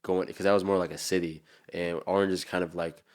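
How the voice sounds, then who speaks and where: A man's voice: deep voice, flat delivery, a little fast. A man with a New Jersey accent, chatting casually and in a slangy, rambling way as a musician being interviewed.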